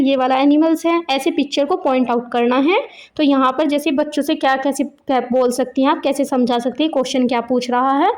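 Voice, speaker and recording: A woman explaining a children's textbook lesson, repeating each word slowly and giving its meaning. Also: high-pitched, a little mellow. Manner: slow, word-by-word pronunciation drills with Hindi glosses. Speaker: teacher.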